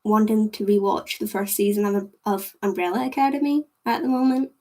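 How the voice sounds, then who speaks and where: In a casual livestream chat, a young woman from Scotland talks with viewers in a brisk, mid-range voice that's steady and a little mellow. Her talk rambles, with lots of giggling and "like".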